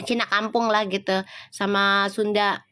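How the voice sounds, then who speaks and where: A woman's voice: medium pitch, level tone, unhurried, sharp tone. A middle-aged woman with a Betawi Jakarta accent, chatting casually with viewers on a tarot live stream, teasing and laughing often.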